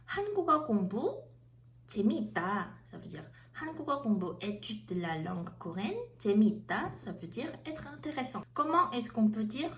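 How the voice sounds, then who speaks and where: A Korean-native woman teaching a language lesson, explaining slowly and carefully and switching between two languages. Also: medium pitch, roomy sound, slight background noise.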